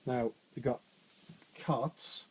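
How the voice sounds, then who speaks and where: In a chatty, informal hands-on technical demonstration, a man walks trainees through a radio studio desk, using many fillers and restarts. His bassy voice sits at an ordinary middle pitch, steady and a little mellow, with drawn-out words and a faint hiss behind him.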